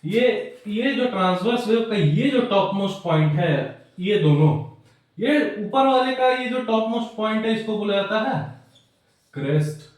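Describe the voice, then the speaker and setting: A male tutor gives a casual lecture and keeps checking that his students follow along. He often drifts into joking asides. His fairly high voice comes from some distance away, across a very echoey room. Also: a little mellow. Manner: digresses with jokes. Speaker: physics tutor. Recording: echoey room, far from the mic.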